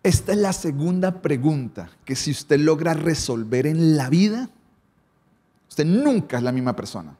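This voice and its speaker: A pastor preaching a sermon. His voice sits a little high for a man. He moves between quick runs and slow, weighty lines, often stopping on a rhetorical question. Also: big pitch swings, mellow, husky. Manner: preaching, varied emphasis and pace, rhetorical questions.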